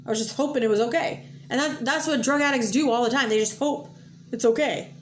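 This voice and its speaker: A woman's voice: fairly high pitch, brisk, slight background noise. A woman telling a blunt, candid personal story about recovering from addiction, at times emotional. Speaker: host.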